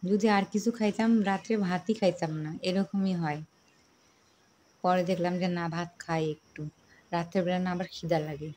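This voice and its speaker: A woman vlogger from Rangpur, Bangladesh, talking softly and casually to the camera at a meal at home. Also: fairly low pitch, steady tone, moderate pace, slight background noise. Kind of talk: casual chat to camera while eating.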